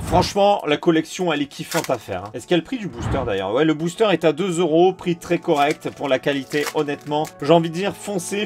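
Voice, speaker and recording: Chatty guy opening card packs, fairly high voice, soft music playing behind. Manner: enthusiastic, chatty, addresses viewers directly. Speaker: YouTube card collector. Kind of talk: casual card-opening commentary.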